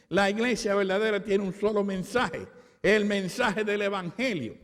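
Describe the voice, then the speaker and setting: A Puerto Rican man preaching a sermon at a conference, with emphatic, repeated declarations. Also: sits high. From Puerto Rico. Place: conference hall. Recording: long hall reverb.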